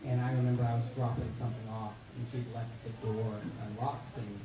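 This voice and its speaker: A man telling a story on a convention panel in a lively storytelling way. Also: mid-range voice, a little fast. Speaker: voice actor panelist. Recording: echoey hall, far from mic, noisy.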